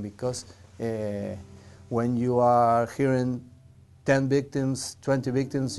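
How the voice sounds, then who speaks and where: A man from Argentina, a native Spanish speaker with an Argentine accent, speaking earnestly in an interview as a federal prosecutor, halting with restarts. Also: mid-range voice, a little mellow, clear, resonant tone.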